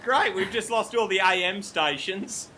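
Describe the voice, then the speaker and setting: A man's voice: high-pitched, a little slow, heavy background noise. An Australian man hosting a casual interview, upbeat, chatty and joking with his guests. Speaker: interview host.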